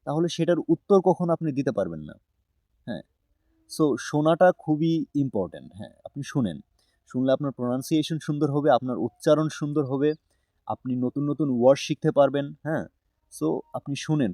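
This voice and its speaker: A young man explains how to learn spoken English in an easygoing, chatty way. His voice is mellow and dark, and the dry, close recording has no room sound. He keeps checking in with his listener and pauses to think often. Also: mid-range voice, no room sound. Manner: relaxed and conversational, frequent "haan?" check-ins and "ah" fillers. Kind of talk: casual talk-through lesson.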